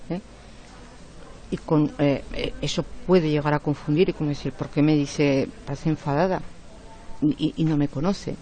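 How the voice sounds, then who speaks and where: A woman teaches an online class. Her voice is strong and forceful. She explains each point patiently and checks in with short tag questions along the way. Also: low-pitched. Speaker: lecturer. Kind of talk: online lecture.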